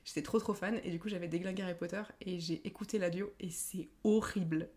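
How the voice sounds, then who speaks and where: A young woman from France chatting casually as a guest, talkative, laughing often and filling pauses with "euh". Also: on the low side, steady tone, a little mellow. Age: young adult. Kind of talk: casual chat.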